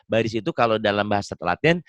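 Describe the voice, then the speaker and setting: A man's voice: fairly low pitch, animated, fast, dry recording, highs cut off. A man teaching Quran reading in a one-on-one online lesson, patient and joking, mixing drills with anecdotes. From Indonesia.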